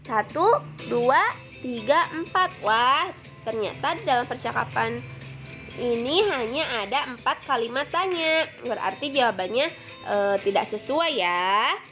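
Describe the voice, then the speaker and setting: A woman's voice: on the high side, expressive, a little slow, pushed and bright, soft background music. A woman teacher giving a patient lesson to second graders, explaining step by step with frequent fillers.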